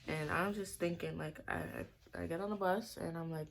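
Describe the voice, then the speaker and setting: A woman's voice: on the low side, steady tone, a little fast, slight background noise. A young woman vlogger telling a personal story in her bedroom, rambling and saying "like" constantly. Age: young adult. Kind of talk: casual storytime vlog. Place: bedroom at home.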